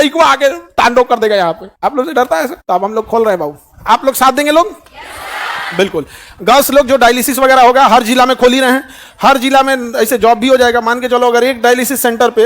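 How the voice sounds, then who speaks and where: Man, very high voice, teacher addressing students, folksy, animated. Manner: folksy, lively, mimics others' voices, laughs often. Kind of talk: animated classroom talk.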